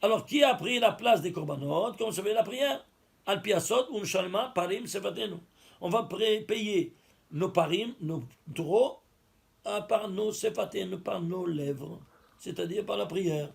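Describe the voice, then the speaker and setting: With a high, creaky voice, a male teacher delivers a lesson on a religious text. He goes step by step, tallies letters aloud, and raises his own questions before answering them.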